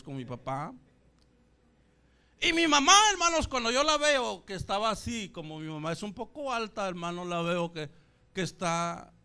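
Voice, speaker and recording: A man preaches with a high, bright voice that stays smooth and clear. He calls out "brothers" after nearly every phrase, swinging from loud bursts to low asides as he tells his testimony. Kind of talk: testimony sermon.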